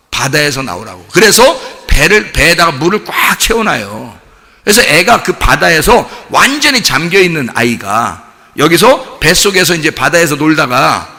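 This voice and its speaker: Male pastor, sermon, rather high and very bright, lively storytelling, long hall reverb. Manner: animated, asks the congregation rhetorical questions; colloquial storytelling with vivid examples. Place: church sanctuary.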